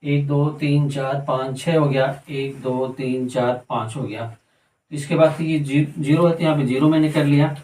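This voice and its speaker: A man's voice: mid-range voice, fairly even intonation, normal speed, a little mellow, roomy sound, recorded from a distance, low-quality recording. A man teaching a math lesson step by step, counting aloud and answering his own questions as he works.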